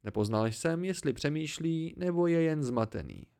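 A man reading a novel aloud in calm first-person storytelling, an amateur audiobook narration. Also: a little high, clean tone. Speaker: audiobook reader.

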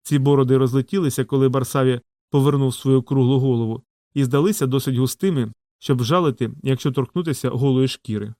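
A male narrator tells a fantasy story in measured, even audiobook style. His voice sits at an ordinary male pitch. The recording is dry and close, with no room sound. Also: no echo.

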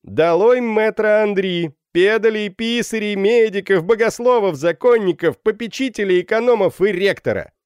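A man's voice: on the high side, very animated, normal speed, a little mellow, no room sound, studio quality, pitched above the performer's own voice. A man doing a brash, jeering young student. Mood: mocking. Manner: jeering, rowdy.

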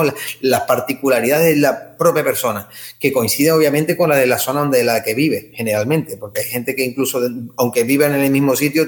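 Canarian man explaining at length. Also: mid-range voice. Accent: Canarian Spanish. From Tenerife, Canary Islands. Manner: discursive, frequent tag questions. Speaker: ethnomusicologist guest. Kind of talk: explanatory interview answers.

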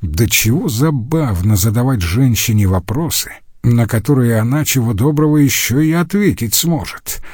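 A man voicing a mocking, sharp-tongued male medieval scholar who sneers at his colleagues. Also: mid-range voice, lively intonation, moderate pace, breathy edge, no room sound, clean studio sound. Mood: scornful. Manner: sneering, scornful.

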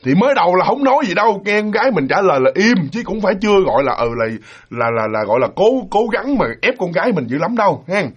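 Male storyteller, high husky voice, quick and animated; dull lo-fi recording. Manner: animated, acts out quoted voices with shouting. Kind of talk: casual spoken ghost story narration.

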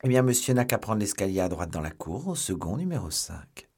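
A man's voice: lowish voice, very animated, brisk, darkish tone, breathy edge, exaggerated voice. A man voicing a devoted, deferential male manservant who answers politely and evasively.

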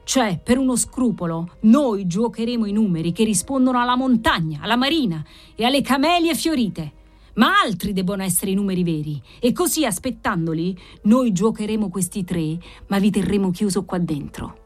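A woman's voice: mid-range voice, animated, moderate pace, soft background music, lightly acted. A woman voicing a cold, ironic marquis who speaks with hard, mocking politeness. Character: cold, ironic, furious middle-aged marquis.

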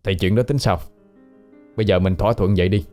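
A man's voice: deep voice, brisk, darkish tone, soft background music, close to an everyday voice. A man voicing a polite, inquisitive young man questioning a ghost.

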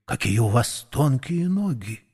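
A man's voice: mid-range voice, very animated, a little slow, darkish tone, breathy edge. A man voicing a young racing mare who speaks earnestly and with wonder in a storybook. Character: young golden racing mare, eager and kind. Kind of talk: audiobook character voice.

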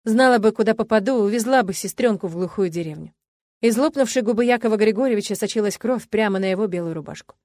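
A woman narrates a first-person story in an even, expressive reading voice. Her voice sits in a middle pitch. The recording is dry and close, with no room sound. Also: fast talker, no echo. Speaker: audiobook reader.

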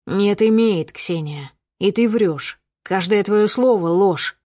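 A woman's voice: on the low side, normal speed, a little mellow, no echo, clean studio sound, natural voice. A woman reading the part of a stern, suspicious man who questions her coldly in clipped lines. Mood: angry. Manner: cold, accusing, clipped questions. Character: stern, suspicious adult man driving a car. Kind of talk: audiobook character reading.

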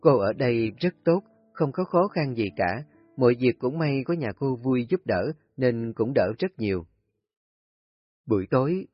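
A man calmly narrating a family story in a steady storytelling voice. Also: medium pitch, no room sound. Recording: husky voice, dull lo-fi audio, faint music.

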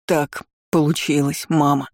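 A reader voicing a grieving boy who talks in a shaken, halting way. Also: medium pitch, fairly even intonation, mellow, no room sound, studio quality, close to an everyday voice. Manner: shaken, spitting words, coaxing a dead friend. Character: grieving boy, adult man hidden inside.

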